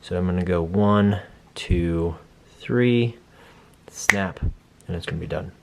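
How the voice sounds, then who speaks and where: Low-voiced man chatting through a PC build. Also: slow pace, a little mellow. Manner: chatty, self-deprecating, thinks aloud. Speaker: vlogger building a PC. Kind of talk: casual hands-on walkthrough.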